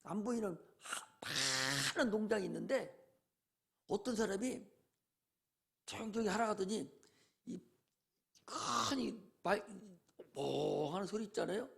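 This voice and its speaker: A man's voice: sits high, lively intonation, measured pace, vocal fry, long pauses, fairly bright tone. A male pastor preaching a sermon in a folksy way, often asking rhetorical questions.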